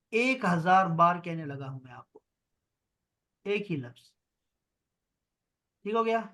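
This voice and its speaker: A man teaches an online grammar lesson over a video call. His voice sits fairly high, and he keeps a patient, reassuring manner, drawing out and repeating each word. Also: fairly bright tone.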